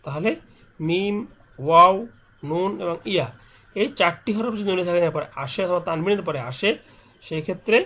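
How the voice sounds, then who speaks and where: A man with a slightly raised voice teaches Quran recitation rules. He speaks patiently and repeats each letter and rule. When he demonstrates, he stretches the nasal sounds out slowly. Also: sits high, fairly bright tone. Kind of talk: step-by-step recitation lesson.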